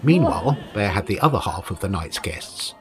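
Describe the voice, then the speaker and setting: A man's voice: deep voice, very animated, moderate pace. A man giving scripted narration as a host, in a descriptive storytelling way. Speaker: narrator and ghost-hunt host.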